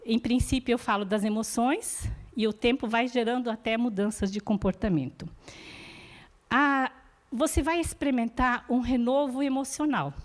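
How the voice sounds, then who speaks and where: A woman with a fairly high voice, speaking at normal speed, gives a church teaching talk about support groups. Portuguese isn't her first language; she's earnest and encouraging and often checks in with her listeners.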